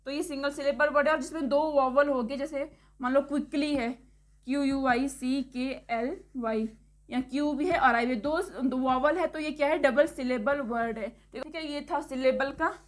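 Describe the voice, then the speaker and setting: A woman teaching English pronunciation, who explains step by step, checks in with the class often and spells words out slowly letter by letter. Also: high-pitched, fairly even intonation. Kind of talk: classroom-style lesson.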